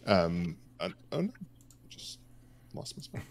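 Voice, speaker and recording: A man running a tabletop game as game master, explaining things casually with many pauses and restarts. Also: low-pitched, very animated, a little hiss or hum. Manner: hesitant, many ums and restarts.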